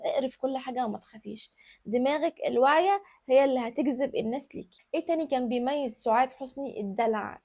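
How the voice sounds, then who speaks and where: A woman's voice: high voice, a little mellow. A woman with an Egyptian accent hosting an advice video, speaking straight to the viewer in an emphatic, coaxing way. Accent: Egyptian Arabic. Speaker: lifestyle and femininity advice host. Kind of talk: direct-to-camera advice talk.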